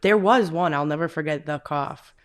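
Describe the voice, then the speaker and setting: A woman's voice: deep voice, normal speed. A woman co-hosting a podcast in a living room, chatting casually and chiming in with informal, rambling asides. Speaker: podcast co-host. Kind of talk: casual chat. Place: makeshift studio in a living room.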